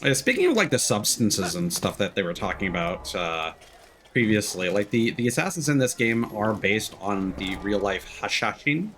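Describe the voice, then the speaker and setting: With a sing-song lilt, this man hosts a livestream, chatting loosely and commentating on his gameplay with wandering, dry remarks. His fairly low voice has a fairly bright tone and moderate pace, and a little hiss or hum sits under it.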